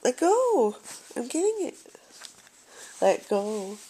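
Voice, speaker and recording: A woman's voice: on the high side, very animated, takes it slowly, mellow, slightly rough. A woman, a mother, playfully talking baby talk to her infant at home. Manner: playful, teasing, sing-song.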